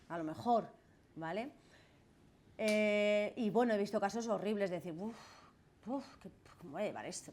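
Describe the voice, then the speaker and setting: Speaking at medium pitch with an accent from Spain, this woman lawyer is running a masterclass, a student lecture that includes questions and answers, in a classroom. Her style is chatty: she often drops in "¿vale?" or "¿no?" and dramatizes quoted lines.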